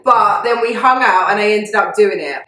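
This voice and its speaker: Bright-voiced, blunt British woman, echoey room. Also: mid-range voice, moderate pace. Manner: blunt, opinionated, heavily sweary. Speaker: YouTube co-host. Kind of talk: casual chat reacting to confessions.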